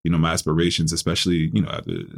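A man from New York talking as a chef guest in an interview, relaxed and full of fillers and repeated words. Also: rumbling low, rapid-fire, gravelly. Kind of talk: casual interview.

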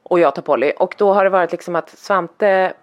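A woman's voice: lowish voice, highs cut off. A woman co-hosting a chat over a video call, telling a family story and acting out the quoted voices. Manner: acts out quoted voices, animated. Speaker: podcast co-host. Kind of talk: casual chat, lively storytelling.

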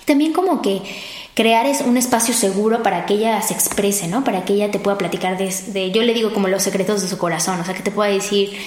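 A woman's voice: medium pitch, fast talker, a little mellow, slight background noise. Host: woman, supportive in casual chat, often completes the guest's thoughts, echoey room. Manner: supportive, finishes the guest's sentences. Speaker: interview host.

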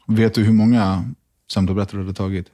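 A male interviewer who asks short, calm questions and often murmurs to show he is listening. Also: fairly low pitch. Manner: calm, brief questions and frequent murmured backchannels. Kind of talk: conversational interview.

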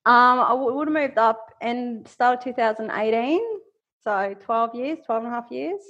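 A woman's voice: on the high side, normal speed, a bit bright, muffled recording. A woman with a Queensland Australian accent chatting casually as a podcast guest.

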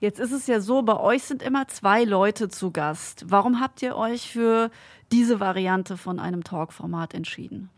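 A woman with a medium-pitched voice hosts an interview podcast. She moves conversationally between introductions and direct questions. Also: normal speed.

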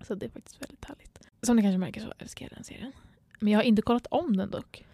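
A young woman from Sweden co-hosting a podcast, gushing with excitement and peppering her talk with laughter and swearing. Her voice sits fairly high. The sound is dry, with no room echo. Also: breathy edge. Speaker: podcast co-host. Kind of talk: casual chat.

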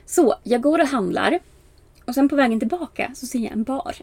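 A young woman casually telling a story, animated, with many fillers, acting out the lines of people she quotes. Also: on the high side, vocal fry, slightly rough, no echo. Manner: animated, acts out quoted exchanges with bright raised voice; frequent filler "bara" and "liksom", laughs at herself.

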